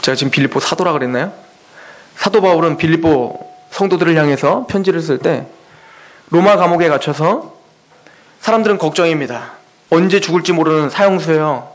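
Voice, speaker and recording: A male pastor delivering an impassioned sermon, swinging between loud urgent lines and quiet, earnest ones. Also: a little high, a little fast, rough recording.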